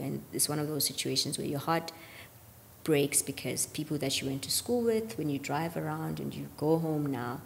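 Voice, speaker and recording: A gospel singer in her thirties talks earnestly about faith on a podcast, often dropping to a near-whisper on key points in this reflective conversation. Her voice is low and creaky, recorded on a boom-arm studio mic with a long reverb tail and slight background noise.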